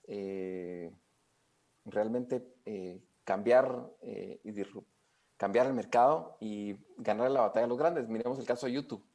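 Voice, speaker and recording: A man's voice: on the low side, darkish tone. A man answering interview questions, explaining at length with frequent hesitations and fillers. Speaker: expert guest.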